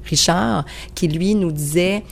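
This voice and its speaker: A woman's voice: lowish voice, slow, creaky, slight background noise. A middle-aged woman with a Quebec French accent, a mother speaking earnestly and in detail about raising her son, recorded at a studio microphone. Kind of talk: recounting personal experience in an interview. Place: radio studio.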